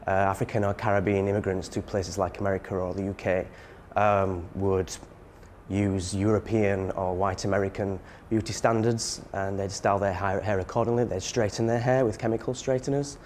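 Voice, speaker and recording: A man explains a piece of history thoughtfully, pausing and restarting as he goes. His voice sits low. A faint hiss runs under the recording. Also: steady tone, a little mellow. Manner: thoughtful, halting. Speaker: expert interviewee. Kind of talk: interview soundbite.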